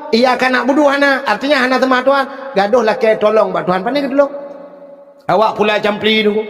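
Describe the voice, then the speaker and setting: A man with an Acehnese accent preaching a humorous sermon, telling stories in a lively way with sudden shouts. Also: high voice. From Aceh, Indonesia. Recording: long hall reverb.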